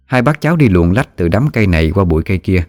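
A man narrating a ghost story in a steady storytelling manner. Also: sits low, fast talker, dry recording, clean studio sound. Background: soft music.

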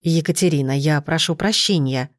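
A woman's voice: sits low, moderate pace, no echo, studio quality, natural voice. A woman voicing a timid, apologetic woman in a storybook.

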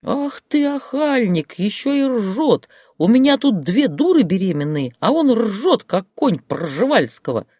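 A reader voicing a loud, bossy old village grandmother who scolds in a shrill, cursing voice. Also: big pitch swings, moderate pace, dry recording, studio quality. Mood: furious scolding. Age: older.

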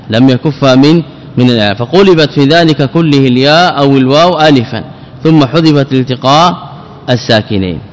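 A man teaching a grammar lesson, repeating word forms slowly and putting questions to himself before answering. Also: medium pitch. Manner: repeats words, drills forms, asks and answers own questions. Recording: long hall reverb.

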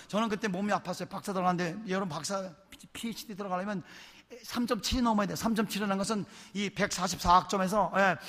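A man, a pastor, telling stories in a lively, chatty sermon in a church. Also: high-pitched. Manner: animated, chatty, laughs while telling. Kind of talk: sermon storytelling. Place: church sanctuary. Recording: long church hall reverb.

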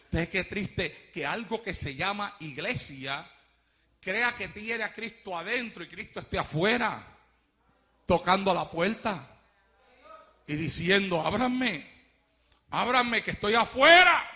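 A male pastor preaches with fire, often shouting at full force before sinking into quiet, low remarks. His delivery is slow and drawn out. The voice sits very high and sounds sharp and tense. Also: lively intonation. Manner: fiery shouting preacher who drops to low, quiet asides. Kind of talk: impassioned sermon.

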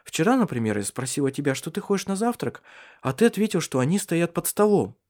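Male reader doing an eager, worried young wife in an audiobook; raised pitch, very expressive. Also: brisk. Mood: pleading. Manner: pleading, pressing questions. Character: anxious, insistent young wife. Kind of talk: audiobook character reading.

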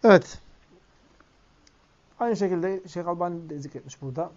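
Man, preacher, sermon lesson, recites Arabic then explains, talks to listeners as friends, somewhat high voice, dull lo-fi sound. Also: normal speed, a little mellow. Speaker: Islamic preacher. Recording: dull lo-fi recording.

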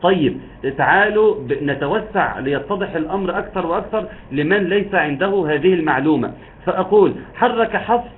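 A man's voice: high voice, expressive, brisk. A man teaching Quran recitation rules in an online lesson, explaining patiently step by step and drawing out words to demonstrate. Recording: tinny phone-like line with faint hiss.

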